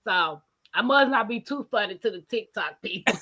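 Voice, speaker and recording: A woman's voice: medium pitch, expressive, moderate pace, bright, forceful tone. A woman in her forties hosting a casual live-stream chat, playful and teasing, laughing often. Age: 40s. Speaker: host.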